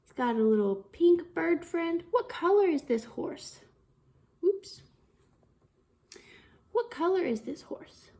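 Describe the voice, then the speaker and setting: A children's storytime reader and teacher does an interactive read-aloud of a picture book for young children. Her high-pitched voice is warm and very animated, slow and sing-song, with exaggerated expression and frequent questions to her listeners.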